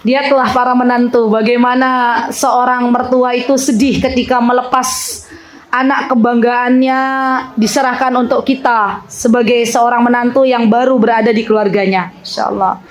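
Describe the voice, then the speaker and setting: Lively high-voiced female religious teacher. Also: moderate pace, poor audio. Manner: lively, teasing, laughs often, questions audience. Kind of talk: interactive religious talk with audience.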